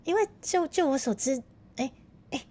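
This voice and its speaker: A woman's voice: high-pitched, expressive, moderate pace, warm tone. A woman with a Taiwanese Mandarin accent chatting casually on a livestream, playful and teasing, often breaking into laughter. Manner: playful, teasing, bursts of laughter, slips into Japanese. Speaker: VTuber streamer.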